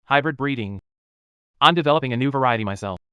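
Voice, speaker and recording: An actor playing a young, proud fruit tree breeder who talks steadily and bluntly in a dubbed drama. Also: male voice, medium pitch, expressive, fast, fairly bright tone, smooth, no echo, studio quality, lightly acted. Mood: businesslike. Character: proud self-made durian grower, young man, calm and firm.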